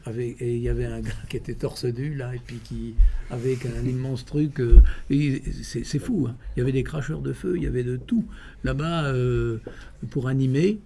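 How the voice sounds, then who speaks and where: A man giving informal interview answers, telling stories in a halting way with repeated words. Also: mid-range voice, fairly even intonation, gravelly, dark tone. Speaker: president of a running club, interviewee.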